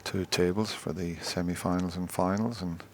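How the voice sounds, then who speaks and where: A man giving live snooker commentary in a hushed, understated way. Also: deep voice, steady tone, normal speed. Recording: noisy live arena broadcast. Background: audience and clicking balls.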